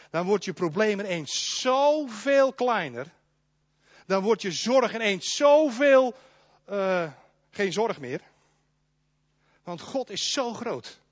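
A man preaching a sermon in a church, emphatic and animated, speaking straight to his congregation. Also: high-pitched, dry recording, lo-fi sound. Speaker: pastor.

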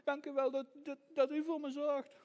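A man voicing a frightened, brave little girl in a children's story, with a high, stammering voice. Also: animated, brisk, long reverb tail, lo-fi sound. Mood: pleading.

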